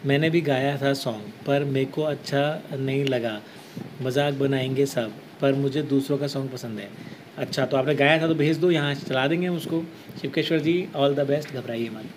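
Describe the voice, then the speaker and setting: Man, live-stream host, casual and reassuring, middle pitch, faint background hiss. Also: normal speed. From Uttarakhand, India. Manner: chatty, reads out viewer comments and answers with reassurance. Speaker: live-stream host answering viewer questions. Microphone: headset.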